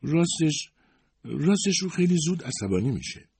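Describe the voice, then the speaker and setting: A man's voice: a little high, very animated, vocal fry, a little mellow, breathy edge, dry recording, pitched above the performer's own voice, full character voice. Man doing a meek woman in her fifties. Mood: apologetic. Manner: hesitant, modest, self-excusing. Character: humble secretary in her fifties, worried and apologetic.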